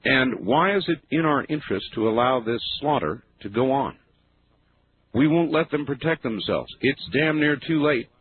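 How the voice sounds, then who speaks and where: A man hosting a talk radio show, giving earnest, argumentative commentary and musing aloud, often dropping low at the ends of phrases. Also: lively intonation, moderate pace, slight background noise. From United States. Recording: tinny lo-fi radio broadcast.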